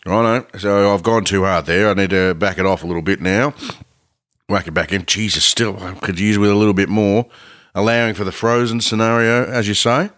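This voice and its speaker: A man's voice: lowish voice, fairly even intonation, fairly quick, fairly bright tone. A man co-hosting a podcast, rambling casually with swearing and laughter while eating. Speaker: podcast co-host. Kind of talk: casual banter with a co-host.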